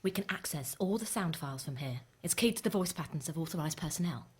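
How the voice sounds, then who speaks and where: Husky, bossy female conspirator. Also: low voice, animated, fast, a little mellow, exaggerated voice. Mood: brisk, secretive. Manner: curt, commanding. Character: brisk, bossy female conspirator tampering with archives. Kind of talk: audio drama acting.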